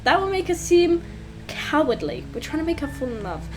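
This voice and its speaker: A woman's voice: sits high, sing-song, normal speed. A young woman giving casual gameplay commentary, blunt, sweary and exclamatory as she talks through what is on screen. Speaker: gameplay streamer. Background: faint game music.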